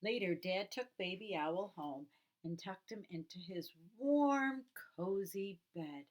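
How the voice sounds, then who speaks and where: A woman teacher reading a children's picture book aloud in an expressive storytelling way. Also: medium pitch, slow.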